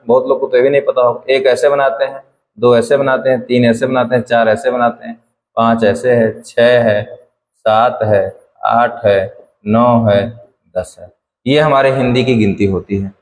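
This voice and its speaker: A male teacher lectures on grammar with a fairly high voice, going over each definition slowly and repeating key phrases. His voice rings around a reverberant room, with a long tail after each line. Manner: repetitive, drilling definitions step by step. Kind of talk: classroom lecture.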